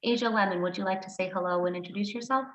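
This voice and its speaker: A woman's voice: medium pitch, steady tone, very fast. A woman hosting a formal information session, welcoming people and handing over to other speakers. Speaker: admissions counselor hosting. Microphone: video call. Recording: roomy, dull video-call audio.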